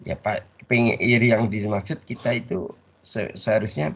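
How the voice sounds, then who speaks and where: A man teaching a religious study class. He pauses mid-word so the audience can finish it. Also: on the low side, fairly even intonation. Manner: call-and-response, leaves words half-said for the audience to finish. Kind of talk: Islamic study lecture. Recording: dull lo-fi recording.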